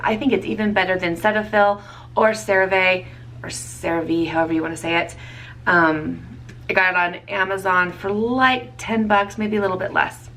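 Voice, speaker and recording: A woman's voice: medium pitch, pushed and bright, distant mic, a little hiss or hum. A woman in her thirties chatting casually as a beauty vlogger, rambling and correcting herself with small laughs. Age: 30s. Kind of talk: casual product review chat.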